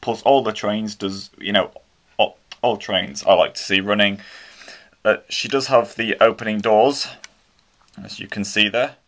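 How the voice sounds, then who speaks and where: A bit slow and a bit bright, a lowish-voiced man with a British accent unboxes a model locomotive indoors on carpet at home. His throat is a little croaky as he chats eagerly and casually, rambling and often starting over.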